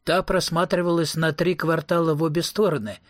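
A man narrating a novel as an audiobook reader, in an even, wry storytelling manner. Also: on the high side, fairly quick, dry recording, studio quality.

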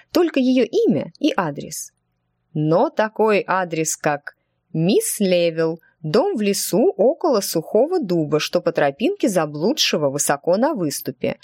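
A woman narrating an audiobook with expressive storytelling. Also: mid-range voice, moderate pace, no room sound, studio quality.

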